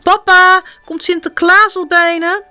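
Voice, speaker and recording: A woman voicing an eager, stubborn little boy in a children's storybook, in a high, insistent voice. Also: big pitch swings, a little slow, bright, forceful tone, no room sound, heavily acted.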